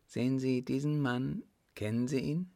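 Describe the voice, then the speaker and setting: A man reading an audiobook, voicing a rich, resolute widowed countess in a raised, softly confiding voice. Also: mid-range voice, normal speed, vocal fry, dry recording, studio quality, pitched above the performer's own voice, close to an everyday voice. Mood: probing.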